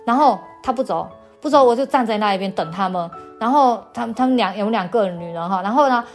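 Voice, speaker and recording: A woman's voice: medium pitch, expressive, fairly quick, faint music behind. A woman from China telling a personal faith story in an interview, hesitant and often repeating her words. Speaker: interview guest.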